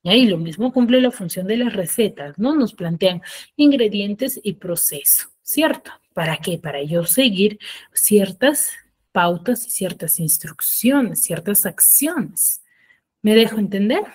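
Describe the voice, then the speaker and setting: A woman teacher giving an online class, explaining step by step and often checking with quick tag questions. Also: medium pitch, lively intonation, husky. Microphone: video call.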